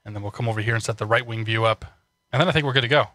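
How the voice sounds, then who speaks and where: Rapid-fire and pushed bright, a lowish male voice chats casually with viewers over a flight sim stream. He sounds slightly congested, laughs often and keeps restarting what he says.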